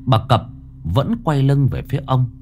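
A man's voice: medium pitch, normal speed, darkish tone. A man narrating a scripted ghost story in a dramatic, suspenseful way. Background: faint background music.

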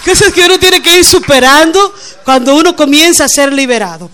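A woman's voice: high voice, fairly quick, slight background noise. A middle-aged woman, preaching a conversational sermon and telling personal stories with frequent laughter. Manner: animated, laughs often while telling stories. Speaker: preacher, pastor's wife.

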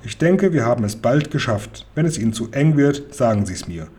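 A man reading a children's story aloud and voicing a clever, cheeky young hero who talks calmly and coaxingly, in a slightly husky voice. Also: medium pitch, moderate pace. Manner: calm, coaxing, dry.

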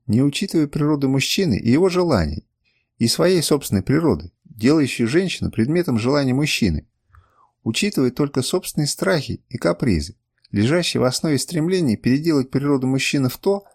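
Expressive male audiobook narrator. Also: medium pitch, husky. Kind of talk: first-person audiobook narration.

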